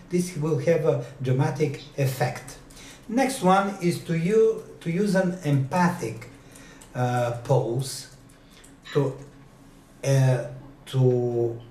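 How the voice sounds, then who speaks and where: A man lecturing a university class, speaking slowly and deliberately with many pauses and fillers. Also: fairly high pitch, dark tone, roomy sound, distant mic, slight background noise.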